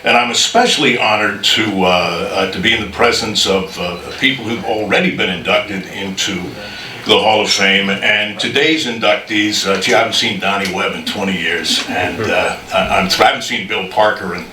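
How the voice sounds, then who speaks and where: A man with a deep voice giving an informal, halting, self-deprecating acceptance speech. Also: sharp tone. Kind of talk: informal thank-you speech. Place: full room at an induction ceremony. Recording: echoey, noisy room, distant mic.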